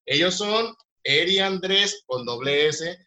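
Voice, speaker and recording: A man hosts a loose, joking interview. His voice sits a little high and rings bright and forceful. He teases his guests and laughs easily. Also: lively intonation, slow. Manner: playful, teasing, laughing often. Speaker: host. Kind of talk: casual interview chat.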